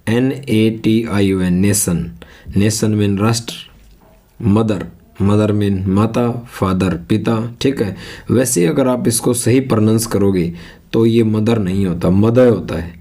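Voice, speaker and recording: Slow, deep-voiced Hindi-accented teacher. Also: male voice, mellow. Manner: spells words letter by letter and asks rhetorical questions, reading English slowly. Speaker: English teacher. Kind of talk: classroom lesson explaining English words and sentences.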